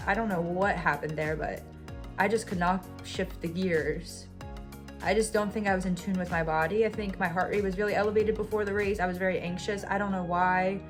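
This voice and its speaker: A woman in her twenties talking candidly over her vlog, reviewing a race she is disappointed with. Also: mid-range voice. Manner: candid, self-critical, conversational. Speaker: vlogger and runner.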